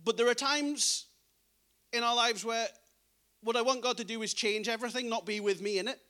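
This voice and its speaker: A man's voice: very high-pitched, fairly even intonation, normal speed, pushed and bright. A man preaching a sermon in an earnest, conversational way, acting out scripture dialogue as he goes.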